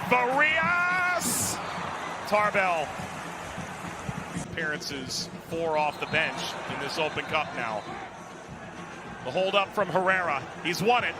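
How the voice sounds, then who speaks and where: A man doing live soccer play-by-play, calling players' names in clipped phrases. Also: a little high. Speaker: play-by-play commentator. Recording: loud stadium noise behind commentary. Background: noisy stadium ambience.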